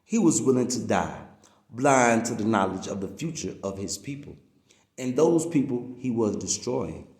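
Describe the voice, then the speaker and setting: In an echoey room, a man with an expressive, darkish mid-range voice reads a written religious-political message at a normal speed. He preaches it emphatically, stretching the words he stresses.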